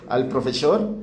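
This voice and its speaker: A male pastor delivering a lively sermon to his congregation, acting out pleading prayers as he preaches. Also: on the high side. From Ecuador. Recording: echoey church room.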